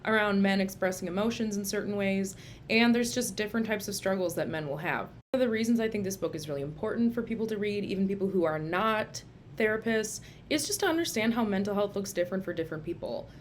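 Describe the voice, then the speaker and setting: This woman talks fast in a medium-pitched voice with a Minnesota accent, reviewing a book casually on a home video. She's a licensed social worker and therapist from Minnesota, USA, speaking chattily and informally from her telehealth room, with slight hiss or hum.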